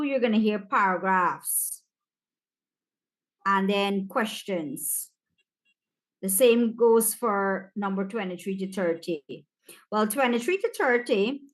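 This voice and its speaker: A woman teacher with a Caribbean accent, walking students through an exam paper in a relaxed, chatty way and speaking to them directly. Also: medium pitch. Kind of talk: exam practice walkthrough.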